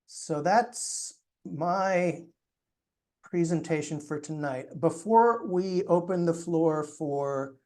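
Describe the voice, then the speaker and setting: A man presents a prepared lecture in a steady, explanatory manner. His voice sits a little high for a man, and he is losing his voice. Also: slow. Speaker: course presenter.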